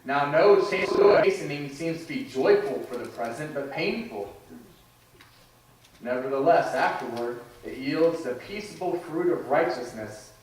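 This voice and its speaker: A man in his thirties preaches a sermon, talking in a conversational way and restarting phrases as he goes. His voice sits a little high for a man. It comes from some way off the mic in a church that echoes heavily. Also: expressive, unhurried, background noise. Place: church sanctuary. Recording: echoey church hall, from far off.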